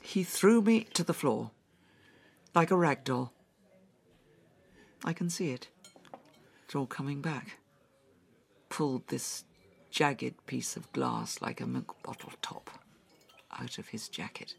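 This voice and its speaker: An actress voicing a traumatized woman recounting a brutal attack, halting and often dropping into whispers, in an audio drama. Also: extremely low pitch, sing-song, gravelly, full character voice. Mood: distressed.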